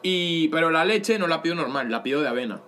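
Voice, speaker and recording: A young man on a casual podcast, rattling off stories at a fast clip and breaking into laughs as he goes. His voice sits a bit high for a man, and a faint room ambience sits behind him. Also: slight background noise. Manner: animated storyteller, laughs often, calls people bro. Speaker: podcast co-host. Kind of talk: casual chat.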